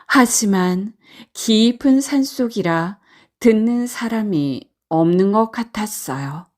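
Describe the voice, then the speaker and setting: A woman narrating a children's folktale in a gentle, measured storytelling manner. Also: mid-range voice.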